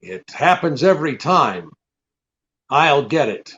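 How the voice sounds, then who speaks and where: A man's voice: on the high side, big pitch swings, takes it slowly, background noise. A man playing a cynical, wisecracking hard-boiled detective in a radio drama, brusque and sardonic. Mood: dry, sardonic. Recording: dull, muffled radio recording.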